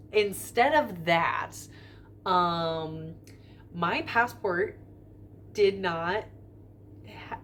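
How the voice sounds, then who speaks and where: A woman's voice: medium pitch, slight background noise. A young woman telling a story to the camera in an airport terminal, rambling with lots of fillers and restarts. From United States. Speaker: vlogger. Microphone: camera filming herself in front of a window.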